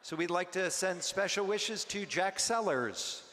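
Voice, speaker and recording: A man emcees a luncheon program in an unhurried, chatty way, now and then stumbling over his words. His voice sits a little high. A long banquet-hall reverb and a faint noise floor surround him. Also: expressive. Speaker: event emcee. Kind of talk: event hosting announcements.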